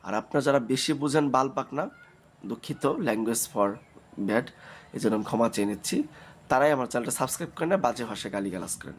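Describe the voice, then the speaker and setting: A man with a Bangladeshi Bengali accent talks straight to his viewers in a casual vlog. His pitch sits at an ordinary middle level. He circles back over his points and fills the gaps with "uh", with faint ambience behind him. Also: animated, fairly quick, slight background noise. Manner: rambling, repeats himself, frequent "uh" fillers; addresses viewers directly, defensive about critics. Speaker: channel host.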